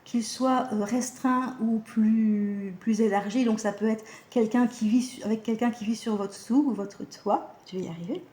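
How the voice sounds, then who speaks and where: A woman's voice: fairly high pitch, steady tone, moderate pace, hardly any pauses, mellow, reverberant. Chatty woman reading oracle cards. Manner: chatty, hesitant, many fillers and self-corrections. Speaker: animal communication card reader. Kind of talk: casual card-reading guidance.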